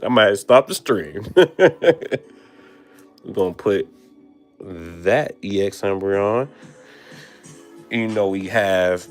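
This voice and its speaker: A young man hosting a card-opening vlog, excited, exclaiming and stammering over his pulls. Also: lowish voice, very slow, long pauses, faint music behind. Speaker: card-opening channel host.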